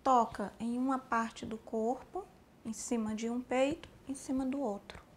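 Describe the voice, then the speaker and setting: Woman, sign language teacher, slow and explanatory, fairly high voice, faint room ambience. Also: steady tone, a little hiss or hum. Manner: slow, explanatory, addressing the learner directly. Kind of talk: spoken instruction for a sign language lesson.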